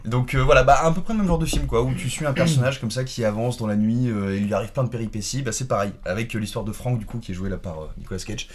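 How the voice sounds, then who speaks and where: A man chats casually about movies with friends. His voice sits at an ordinary middle pitch. He rambles, restarts and fills pauses as he goes. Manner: rambling, many fillers and restarts. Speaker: podcast co-host. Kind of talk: casual film chat.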